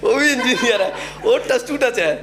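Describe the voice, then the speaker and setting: A young man doing a stand-up comedy set, telling stories with a UP Hindi accent and acting out characters in quick asides. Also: very high voice, lively intonation, a crowd in the background. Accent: Uttar Pradesh Hindi. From Uttar Pradesh, India.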